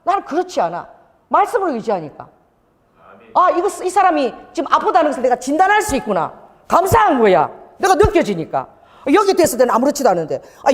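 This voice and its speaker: A middle-aged woman pastor preaching a lively Pentecostal sermon, telling a healing story and firing off rhetorical questions. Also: on the high side. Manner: animated preaching, rhetorical questions, acts out scenes. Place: church sanctuary. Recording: church hall reverb.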